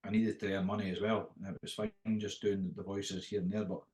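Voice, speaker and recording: A man's voice: low voice, flat delivery, fairly quick, darkish tone, reverberant. A middle-aged Scottish man with a Dundee accent, telling career anecdotes in a casual, rambling interview style with frequent restarts. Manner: rambling, often restarts phrases mid-thought. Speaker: interview guest, after-dinner impressionist.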